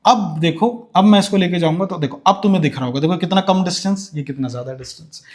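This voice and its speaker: A young man teaching physics in a lecture, calling students "beta" and asking questions he then answers himself. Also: high voice. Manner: slows down to dictate notes in English. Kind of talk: classroom lecture with animation.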